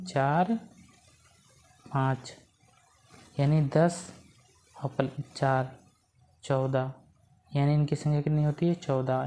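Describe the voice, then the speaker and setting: In a low, dark-toned voice, a woman leads an exam-prep grammar lesson. She poses questions to the class and answers them herself, restating every key point so it sticks.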